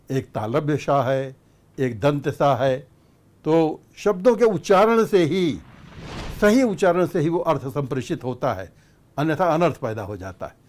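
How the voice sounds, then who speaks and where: Middle-aged man, academic lecturer, fairly high voice, methodical delivery that lists points. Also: a little mellow. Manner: measured, explanatory, lists points one by one.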